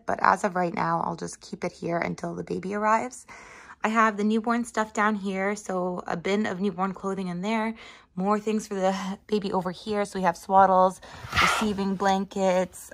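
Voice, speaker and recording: Gravelly-voiced woman vlogger, chatty. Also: medium pitch. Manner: chatty, showing items one by one. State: late pregnancy. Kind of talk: casual vlog narration. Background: background music.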